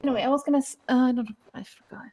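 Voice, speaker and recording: A woman's voice: sits high, steady tone, rapid-fire, dull audio. A woman chatting casually over voice chat, talkative and easily sidetracked, often laughing. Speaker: role-play player.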